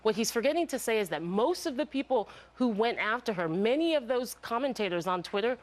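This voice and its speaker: A woman's voice: fairly high pitch, animated, fairly quick. A woman speaking as a political commentator in a live TV debate, firm and emphatic, building her points in lists. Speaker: political strategist, debate guest.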